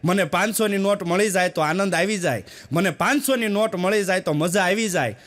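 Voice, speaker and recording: A man's voice: sits high, fairly bright tone. A man from doing folksy stand-up storytelling, with a chatty manner that speaks straight to the audience. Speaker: stand-up comedian.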